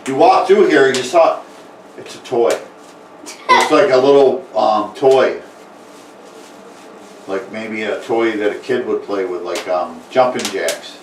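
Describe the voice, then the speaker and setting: A man narrating as game master in a casual tabletop game, talking haltingly with many fillers and restarts. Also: on the low side. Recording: echoey room, mic far off, faint noise.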